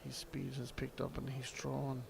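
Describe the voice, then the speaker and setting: A man's voice: mid-range voice, completely flat delivery, moderate pace, creaky. An Irish man giving live darts commentary in a colloquial way, full of slang. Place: echoing venue with crowd behind. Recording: echoey hall with crowd noise.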